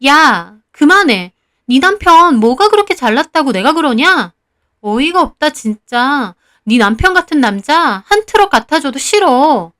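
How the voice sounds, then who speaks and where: A woman's voice: sits high, sing-song, normal speed, few pauses, fairly bright tone. A woman voicing a spiteful, defensive divorced woman who snaps back shrilly and indignantly. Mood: furious.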